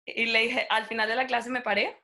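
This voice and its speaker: Speaking slightly fast and a touch high, this young native Spanish-speaking woman is an interview guest. She's animated and informal, acting out each person in her anecdote.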